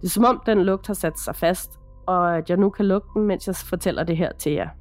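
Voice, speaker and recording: A woman podcast host reading a first-person horror account in a measured, dramatic storytelling manner. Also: lowish voice, soft background music.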